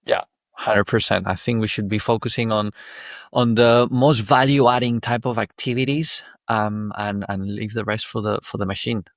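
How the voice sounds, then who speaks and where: Male podcast host, Spanish accent, low gravelly voice, dry close sound. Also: fairly even intonation, no echo. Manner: halting, many restarts, friendly. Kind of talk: casual interview talk.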